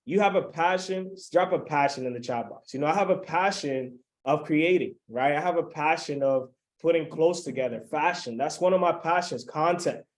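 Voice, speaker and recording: Young guy from the dominican republic on a video call, hyped webinar pitch, kinda high voice, keeps checking in with everyone. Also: moderate pace, few pauses. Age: 20s. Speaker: webinar host.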